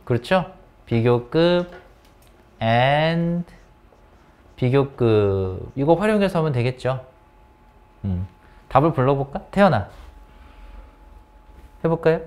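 A man teaching English grammar in an academy classroom asks his students a string of questions in English and calls each by name, coaxing them along in a lively way. With a medium-pitched voice, he takes it slowly and leaves long pauses.

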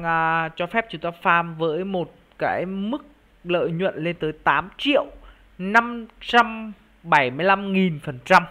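A YouTube crypto project reviewer and channel host speaks at medium pitch with a fairly bright tone. He gives an informal screen-share walkthrough, explaining things directly to his viewers.

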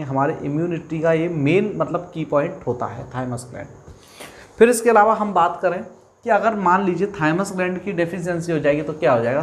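Higher-voiced male biology teacher. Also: a little hiss or hum. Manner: asks questions and answers them himself, repeats key terms. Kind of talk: exam-prep lecture.

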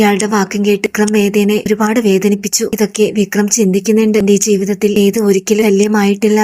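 A young adult woman retelling a TV serial episode, reading every character's lines herself in a steady storytelling way. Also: medium pitch. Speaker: serial recap narrator.

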